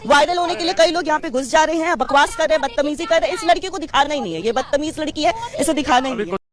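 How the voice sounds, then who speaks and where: A woman's voice: high-pitched, fast talker. A woman reporter questioning people on the spot, speaking sternly and scolding interrupters.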